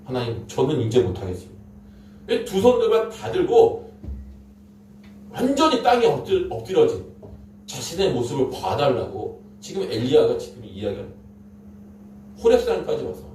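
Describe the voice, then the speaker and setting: A man's voice: fairly high pitch, very animated, normal speed, pauses often, warm tone. A man preaching a sermon, telling the story dramatically and emphatically with repeated phrases. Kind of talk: Korean sermon. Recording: echoey room, distant mic, faint noise.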